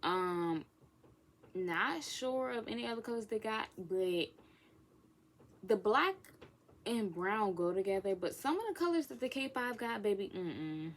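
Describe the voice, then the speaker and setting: A woman's voice: medium pitch, expressive, unhurried. A woman of twenty chatting casually in a Q&A vlog, sassy and playful, with whispered asides. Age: 20s. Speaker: vlogger. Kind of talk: casual get-to-know-me Q&A.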